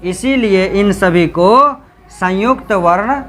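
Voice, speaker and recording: A man teaching a class, quizzing students with repeated questions and drawing out sounds slowly to demonstrate them. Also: high-pitched. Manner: slow, drawn-out sound demonstrations. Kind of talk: classroom grammar lecture.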